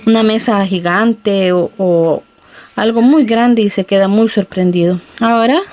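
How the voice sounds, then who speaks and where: A woman teacher at a middle pitch, walking young pupils through a recorded lesson. She talks slowly and patiently and calls her listeners little friends. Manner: slow, patient, addressing children warmly as little friends. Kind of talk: recorded classroom lesson for children.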